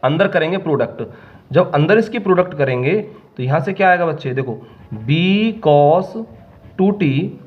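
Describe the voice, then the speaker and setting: A man's voice: a little high, lively intonation, dull audio. A male maths teacher working through a problem on the board step by step, often checking that his students follow. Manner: dictates terms slowly, step by step. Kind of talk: whiteboard maths lesson.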